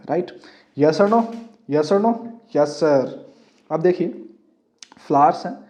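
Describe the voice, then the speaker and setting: A man with a fairly high, warm voice teaches an exam-prep English lesson. He blends English terms into his explanations and keeps posing questions to students, then answering them himself. The classroom-style recording sounds dull and lo-fi.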